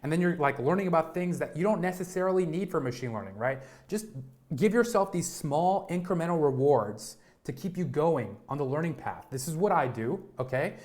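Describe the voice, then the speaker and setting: Young man in his twenties, slightly high voice, energetic live-stream tech lesson, keeps checking in with listeners. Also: brisk. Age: 20s. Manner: energetic, repeats words and asks "right?" and "okay?".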